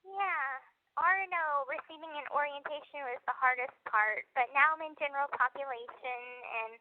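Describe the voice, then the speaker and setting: A young woman talking on a prison phone line, soft-spoken and hesitant. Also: high voice, normal speed, no echo. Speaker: inmate calling from prison. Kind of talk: casual phone conversation.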